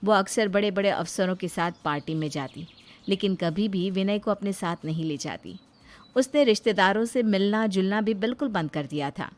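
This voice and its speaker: A woman narrating a moral story in even, scripted storytelling. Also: medium pitch, normal speed.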